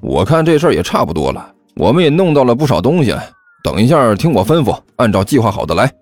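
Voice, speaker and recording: Man voicing a calm boy strategist, storybook audio, matter-of-fact, lively phrasing. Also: medium pitch, fast, dry recording, soft background music. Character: calm, clever boy planning an escape.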